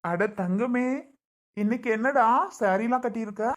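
A woman's voice: a little high, normal speed, voice pushed down, lightly acted. A woman playing an affectionate middle-aged father who fusses over his daughter in a family skit. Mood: doting. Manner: tender, coddling, repeats reminders.

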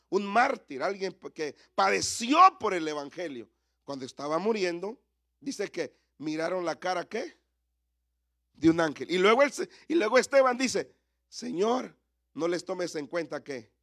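A man's voice: sits high, expressive, normal speed, fairly bright tone. A man in his thirties, a pastor preaching a sermon at a church service and calling out to the congregation with repeated rhetorical questions.

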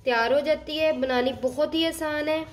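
A woman hosting a cooking channel, calmly explaining each step of a recipe in a voice-over while she cooks at home. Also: high-pitched, normal speed. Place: home kitchen.

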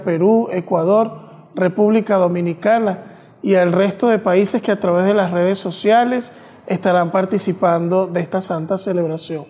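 Priest, long cathedral-like echo. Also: male voice, high voice, darkish tone. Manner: measured, reverent delivery in short phrases. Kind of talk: solemn liturgical address. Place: small chapel, indoors, at the altar.

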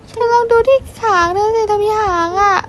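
เสียงผู้หญิงเล่นเป็นเจ้าหญิงเงือกน้อยเสียงสูงมาก ใจดี. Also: female voice, extremely high pitch, fairly quick, background noise. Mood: puzzled. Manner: reassuring, eager, exclamatory. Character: friendly young mermaid princess, protective guide. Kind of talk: amateur story role-play dialogue.

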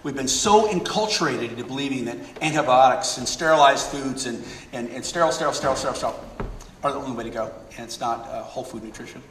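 A middle-aged man giving a public talk and taking audience questions, energetic and fond of repeating words for emphasis. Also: medium pitch, quick pace, hardly any pauses, a little hiss or hum. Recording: roomy hall, mic at a distance.

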